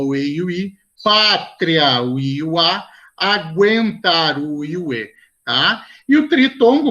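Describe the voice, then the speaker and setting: A man's voice: a little high, a bit bright. A Brazilian man teaching a Portuguese exam review class online, who explains patiently and keeps checking in with his students.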